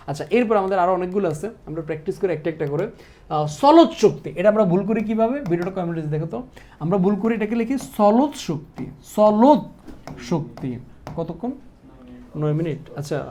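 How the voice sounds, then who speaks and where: Emphatic Bangladeshi tutor drilling spelling. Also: male voice, high-pitched. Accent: Bangladeshi Bengali. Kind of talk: online exam-prep lesson.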